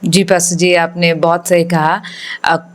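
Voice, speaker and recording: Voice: mid-range voice, level tone, a little slow. A podcast co-host agreeing respectfully with the pastor and sharing an experience in a conversational way.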